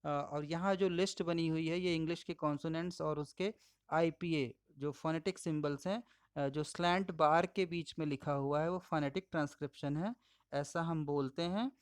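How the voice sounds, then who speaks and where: A man's voice: on the high side, steady tone, normal speed, smooth, dry recording, studio quality. A middle-aged man giving a spoken language lesson, explaining patiently, often checking with listeners and calling them friends. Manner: explanatory, addresses viewers as friends, frequent checking asides. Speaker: language teacher.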